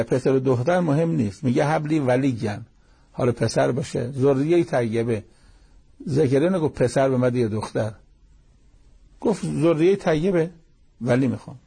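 A man's voice: a little high, vocal fry, warm tone, slightly rough. A man giving a religious lecture, explaining scripture verses one by one with plain everyday asides. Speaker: cleric teaching Quran commentary.

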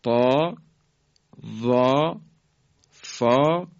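Man teaching slow, drawn-out recitation. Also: medium pitch, a little mellow, dull audio. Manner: polite and instructive, slowly drawing out example words for students to repeat. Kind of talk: recorded tajweed lesson.

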